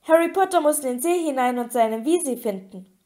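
A woman voicing a small, eager male house-elf who squeaks and talks about himself in the third person. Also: animated, a little fast, dark tone. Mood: insistent.

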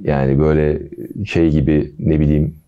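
A man hosting a football podcast, talking casually with a relaxed, chatty manner and jokey asides. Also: a bass voice, moderate pace, clean tone, highs cut off.

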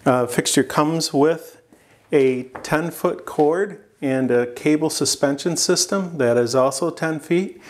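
A man in his forties presenting a product in a plain indoor studio, explaining steadily with the odd filler pause. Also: a little high. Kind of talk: product demonstration.

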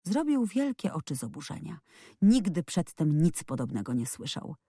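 A woman narrating an audiobook in an expressive, lively storytelling manner. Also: low-pitched, normal speed, slightly rough, no echo, clean studio sound. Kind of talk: scripted narration.

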